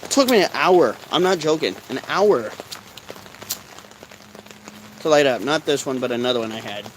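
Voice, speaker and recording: A stoned man with a mid-pitched voice rambles casually to his viewers. He is laid-back and meandering in how he talks. He is recorded outdoors, with a faint noise of rain behind him. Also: expressive, quick pace, poor audio. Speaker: vlogger. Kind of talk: casual rambling chat to camera. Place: outdoors in rainy, cold weather. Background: light rain.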